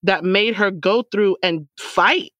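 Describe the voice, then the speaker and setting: A woman's voice: medium pitch, slow pace, no echo, dull audio. A woman in a casual book club discussion, retelling scenes and acting out the characters' lines with feeling. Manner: animated, acts out characters' lines while retelling.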